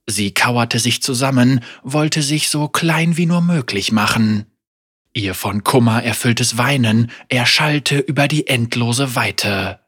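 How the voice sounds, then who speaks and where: A male audiobook narrator reading a grim fantasy tale at an unhurried, deliberate pace. His voice is bright and forward, with a husky grain running through it. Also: medium pitch. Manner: slow, measured and dramatic. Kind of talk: scripted story narration.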